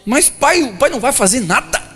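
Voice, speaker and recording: A male pastor voicing his young daughter, pleading and indignant in a high, insistent voice. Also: very animated, a little fast, big-room sound, soft background music, heavily acted. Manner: high-pitched, insistent, near shouting.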